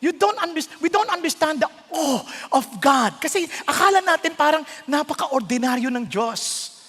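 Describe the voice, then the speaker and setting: A man preaching a sermon, animated and questioning his listeners, slipping into quoted voices. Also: very high-pitched, normal speed, long reverb tail.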